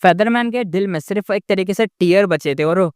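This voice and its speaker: Chatty male recap narrator, dry close sound, slightly high. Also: normal speed, clear, resonant tone, no echo. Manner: chatty asides to the listener. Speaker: story narrator. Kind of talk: casual novel recap narration.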